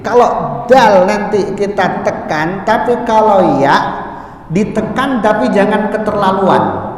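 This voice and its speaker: A man teaching Quran recitation in a mosque, moving between plain explanation and slow, melodic chanted verses. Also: sits high. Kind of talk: religious lesson with chanted recitation. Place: large mosque hall. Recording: echoey mosque hall, mic far off.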